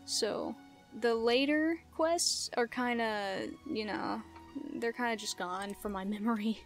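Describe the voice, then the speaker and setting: Playing a video game, a young let's play host chats casually and playfully, slipping in giggly asides over the game music. She speaks slowly in a voice on the high side.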